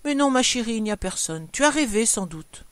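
A woman's voice: on the high side, expressive, fairly quick, no room sound, close to an everyday voice. A timid, bewildered storybook husband, voiced by a woman reading aloud, who answers his wife in a hesitant, placating way. The recording is close and dry. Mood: meek placating. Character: meek plump middle-aged husband, timid and bewildered.

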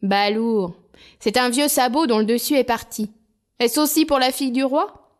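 Two smug young noblemen tease their simple brother with scornful remarks, as a woman reads them aloud. The voice stays close to her own, a little higher than most women's. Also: moderate pace, natural voice. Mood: mocking.

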